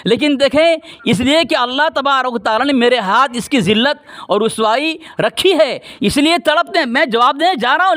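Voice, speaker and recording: Man, very high voice, insistent, repetitive, heated debate, citing books. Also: a bit bright. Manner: insistent, repeats himself, talks over his opponent; reads out book references. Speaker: religious debater.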